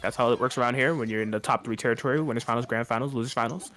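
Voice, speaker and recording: A man's voice: mid-range voice, rapid-fire, a bit bright, faint music behind. A man doing casual, hyped color commentary on a fighting game tournament, saying "dude" and "like" a lot. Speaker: esports co-commentator.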